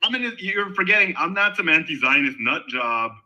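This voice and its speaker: Middle-aged man from Israel for a voice-chat debate, lively pitch, emphatic with restarts. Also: normal speed, highs cut off. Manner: animated, emphatic, with frequent restarts. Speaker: guest in an online discussion. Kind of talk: casual debate talk. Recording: voice call on a discussion server.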